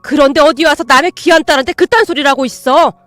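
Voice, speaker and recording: A woman's voice: high voice, expressive, brisk, dry recording, faint music behind. A woman doing a furious scolding mother. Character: angry middle-aged mother, shouting scolding.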